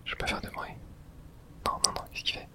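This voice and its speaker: In brisk, breathy whispers, someone thinks aloud through casual, hushed ASMR commentary while playing a video game.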